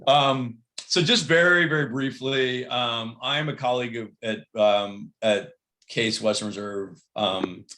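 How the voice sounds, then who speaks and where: A man's voice: medium pitch, a little slow, bright, forceful tone, roomy sound. A man giving a casual, upbeat online presentation, talking with many fillers on a video call. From Cleveland, Ohio.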